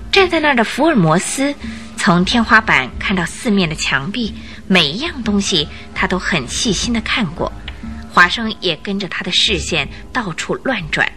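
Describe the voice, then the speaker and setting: A woman with a mid-range voice delivers expressive, suspenseful scripted narration for a detective radio drama.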